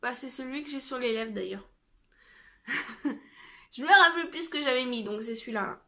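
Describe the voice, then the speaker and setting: A woman's voice: high-pitched, moderate pace, bright, forceful tone. A young woman chatting casually in a haul video, with lots of fillers and restarts. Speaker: haul vlogger.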